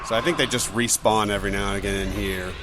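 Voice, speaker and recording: A man's voice: lowish voice, fairly even intonation, fast, background noise. A man hosting a let's play, giving casual, joking, conversational gameplay commentary. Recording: game music behind the voice.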